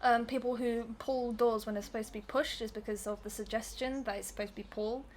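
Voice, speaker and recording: A woman's voice: a little high, steady tone, a little fast, a little hiss or hum. A young woman co-commentating a let's play, chatty and teasing, often laughing. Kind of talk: casual gaming commentary.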